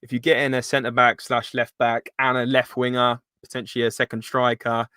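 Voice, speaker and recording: A man's voice: medium pitch, little pitch movement, a little fast, bright, forceful tone, clear, resonant tone, no room sound, studio quality. A man hosting a casual live football chat in informal, matey slang. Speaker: live stream host.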